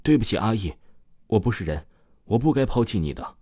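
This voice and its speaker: A man's voice: on the low side, sing-song, brisk, dark tone, breathy edge, dry recording, clean studio sound. A man voicing a terrified young man who pleads desperately for his life. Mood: pleading.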